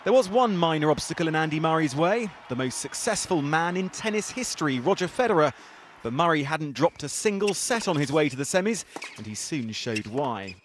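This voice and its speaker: A man's voice: a little high, big pitch swings, a little fast, a little hiss or hum. A British man narrating a scripted sports news report with a dramatic storytelling delivery.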